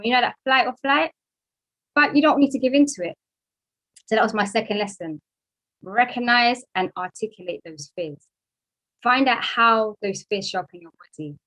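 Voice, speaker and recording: A middle-aged woman giving a motivational talk to an audience, telling her story in a lively way, acting out the voices she quotes and asking the room questions. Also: medium pitch, poor audio. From United Kingdom. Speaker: guest speaker.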